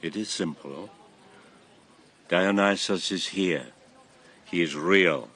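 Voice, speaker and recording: In a classical radio drama, an actor voices an old former king and grandfather, long past retirement, who has become a solemn, impassioned convert to a god. His low, slightly bright voice is fully in character and moves slowly. The delivery is theatrical, solemn and impassioned, urging his listeners gravely.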